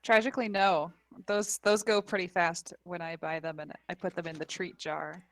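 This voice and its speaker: A woman's voice: fairly low pitch, fairly even intonation, normal speed. A woman chatting and giggling with friends over an online voice call. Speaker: tabletop game player. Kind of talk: casual chat before a game session.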